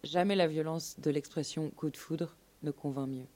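A woman radio presenter reads a scripted documentary narration in a literary, storytelling style during a live radio show with background music. Her deep voice is warm and steady, at a moderate pace.

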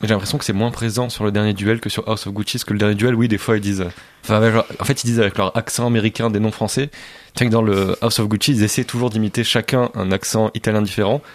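A man with a lowish voice talks quickly through his view of a film, laying out his points in a steady, explanatory way. The recording is close and dry. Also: no room sound. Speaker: film critic. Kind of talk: casual film discussion.

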